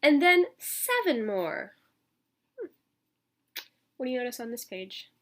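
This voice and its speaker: A woman teacher reads a picture book aloud to children, expressive and emphatic, tossing in casual asides to her listeners. Her voice sits high and her pace is a little slow.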